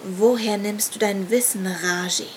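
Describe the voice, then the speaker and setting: A woman's voice: medium pitch, fairly even intonation, unhurried, a little hiss or hum, close to an everyday voice. Woman voicing a suspicious, hateful cult warrior.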